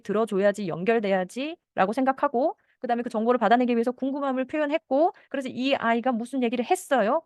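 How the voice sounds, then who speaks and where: A middle-aged female counselor with a fairly high voice gives a talk on how parents should speak with children, acting out brief parent and child lines along the way. The audio is studio quality with no echo.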